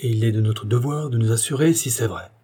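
A man's voice: medium pitch, a little fast, mellow, husky, close to an everyday voice. A man doing a polite, insistent town official. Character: stubborn male town prosecutor, polite but insistent.

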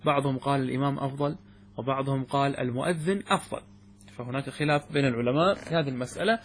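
A man's voice: medium pitch, steady tone, rapid-fire, slight background noise. A man teaching a classical religious text to students, explaining it point by point, often repeating words and checking whether his students have understood. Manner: asks students check questions, repeats words, restarts phrases. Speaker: sheikh teaching fiqh.

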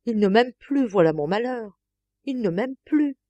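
A woman's voice: fairly high pitch, lively intonation, a little slow, warm tone, no echo, highs cut off. A woman reading an audiobook, voicing a lovelorn, tearful lady of the house who pleads and moans. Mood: pleading. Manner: pleading, moaning, breaking into sobs. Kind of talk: audiobook character voice.

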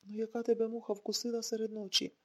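A woman's voice: fairly high pitch, little pitch movement, quick pace, fairly bright tone. A woman reading an audiobook, voicing a bewildered young man who mumbles placating words.

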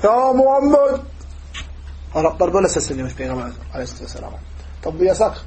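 High-voiced, fast-talking male religious teacher. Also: slight background noise. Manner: lively storytelling, acting out quoted voices. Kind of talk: hadith commentary lesson.

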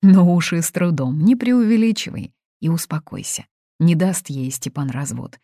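A woman's voice: low-pitched, expressive, moderate pace, a little mellow, dry recording, clean studio sound. A woman reading aloud, voicing a blunt, matter-of-fact young woman friend. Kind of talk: audiobook reading.

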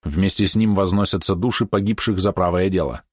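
A man reading a historical story aloud in a steady storytelling manner. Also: low-pitched, fairly quick, slightly rough, no echo, clean studio sound. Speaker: narrator. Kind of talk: audiobook narration.

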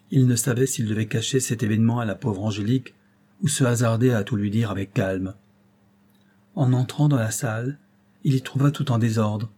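Husky, warm-toned male audiobook narrator. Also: medium pitch.

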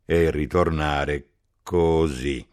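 A man voicing a boisterous army captain who teases loudly and speaks in slow, broken phrases. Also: low voice, sing-song, pitched above the performer's own voice. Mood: jovial. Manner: loud, teasing, slow broken speech.

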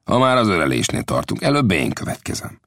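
A man's voice: sits low, wildly swooping pitch, vocal fry, fairly bright tone, no echo, studio quality, pitched above the performer's own voice, full character voice. A man voicing a cautious, widowed middle-aged blacksmith in an audiobook, earnest and warning. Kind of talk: audiobook character voice.

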